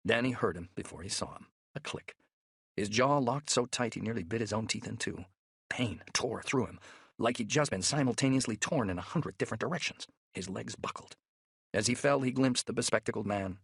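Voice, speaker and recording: A man narrating a thriller audiobook in a measured, steady way, close to the mic. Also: lowish voice, breathy edge, dry recording.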